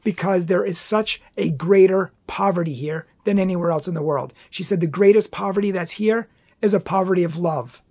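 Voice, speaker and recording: A man speaks with a husky, slightly breathy voice, delivering an inspirational testimony talk. His storytelling is earnest and impassioned, like a speaker addressing a conference. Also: high voice, normal speed, darkish tone. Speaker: pro-life speaker.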